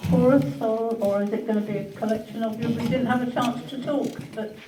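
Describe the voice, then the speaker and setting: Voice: mid-range voice, steady tone, fairly quick. Host reading tributes in an echoey hall. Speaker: host of a memorial gathering. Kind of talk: reading tributes and introducing speakers. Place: large hall at a memorial gathering. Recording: echoey hall, from a distance, faint noise.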